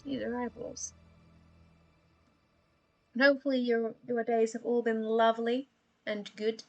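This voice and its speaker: While drawing live on stream, a young woman from Australia rambles casually and laughs at herself, her Australian accent leaning a bit American. She speaks unhurriedly in a slightly high voice with fairly even intonation, and the muffled recording carries faint music.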